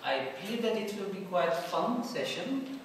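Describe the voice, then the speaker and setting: A man's voice: sits high, sing-song, normal speed. A middle-aged man leading a group workshop in an informal, joking way. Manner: informal, joking, loose phrasing. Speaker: workshop trainer. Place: large echoey hall with a group. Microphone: far camera mic. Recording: echoey hall from far off, noisy.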